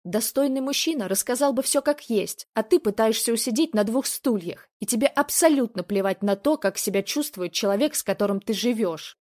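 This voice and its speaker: A woman reading the part of a betrayed young woman who accuses and shouts at her cheating boyfriend. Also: a little high, expressive, brisk, few pauses, voice pushed up, natural voice. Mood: scornful. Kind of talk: storybook reading.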